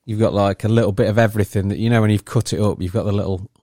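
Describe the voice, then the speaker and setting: A man's voice: on the low side, steady tone, warm tone, dry recording. Teasing man, dry close sound. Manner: teasing, swears, quick laughs. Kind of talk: casual podcast banter.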